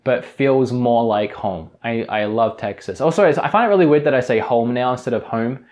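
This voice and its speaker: Young aussie guy w/ half-american accent, earnest rambly vlog chat, mid pitch. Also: brisk, a little mellow. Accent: Australian, drifting toward American. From Australia. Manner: earnest and rambling, restarts often. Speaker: YouTube host. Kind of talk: casual vlog talk to camera.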